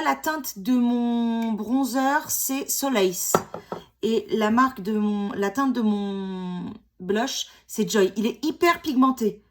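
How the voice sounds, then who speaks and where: There's a little hiss or hum behind this woman's voice, which sits on the high side. A beauty vlogger in her forties, she has a cold and does her makeup at home, chatting casually and teasing herself with frequent fillers and restarts.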